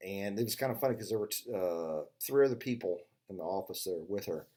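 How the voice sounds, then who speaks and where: A man's voice: sits low, animated, fairly quick, a little mellow. An older man telling funny stories in a casual, rambling monologue, full of "uh" fillers and restarts, sarcastically acting out both sides of a conversation. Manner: sarcastic storyteller who acts out both sides of a dialogue. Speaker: vlogger.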